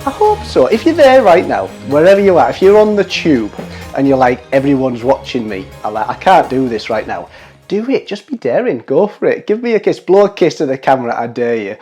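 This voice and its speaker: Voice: medium pitch, sing-song, brisk, a little mellow, soft background music. A vlog host chatting to the viewers in a gushing, affectionate, cheeky and teasing way. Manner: cheeky, playful. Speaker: show host. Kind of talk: chatty fashion vlog to camera.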